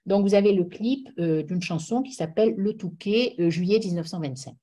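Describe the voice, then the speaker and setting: A woman's voice: medium pitch, moderate pace, dark tone. A middle-aged woman giving an online lecture on song lyrics over a video call, digressive and full of hesitations. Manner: digressive, many hesitations and fillers.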